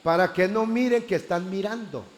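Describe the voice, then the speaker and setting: Animated high-voiced male preacher. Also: moderate pace. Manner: animated storytelling, acting out prayers. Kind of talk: church class sermon.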